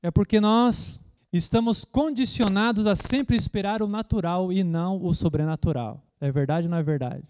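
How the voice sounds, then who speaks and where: This male preacher, whose voice sits notably high, peppers his sermon with rhetorical questions and pauses for calls of amen. He occasionally parodies loud, shouting prayers before falling back into a plain, instructive tone.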